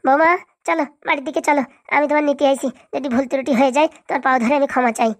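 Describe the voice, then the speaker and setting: A proud mother-in-law talks her way around her own temper in a cartoon, voiced by a woman. The voice is high and very quick. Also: fairly even intonation, close to an everyday voice. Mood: placating. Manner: quick, self-justifying. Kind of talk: cartoon voice acting.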